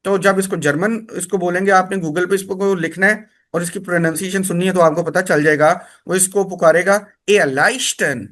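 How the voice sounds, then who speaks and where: A man gives a spoken lesson. He explains step by step and says each word slowly, often more than once, so learners can copy the sounds. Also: high voice, fairly even intonation, a bit bright. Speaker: language teacher.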